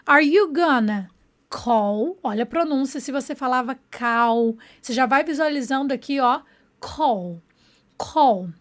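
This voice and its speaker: Woman, high voice, online English teacher, slows down to model phrases, checks in with students. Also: fairly bright tone.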